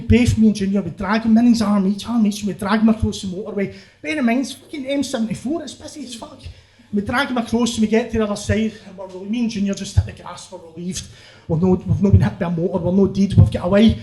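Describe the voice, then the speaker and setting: A man's voice: sits high, warm tone. A middle-aged Glaswegian man doing rowdy, sweary stand-up storytelling, laughing as he tells it. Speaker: stand-up comedian.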